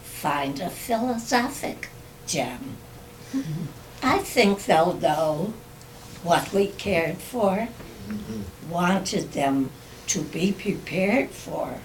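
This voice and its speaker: An older woman, a guest poet, reading her own poems aloud with a slow, measured recitation at a community club. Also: fairly low pitch, expressive, far from the mic, slight background noise, poor audio.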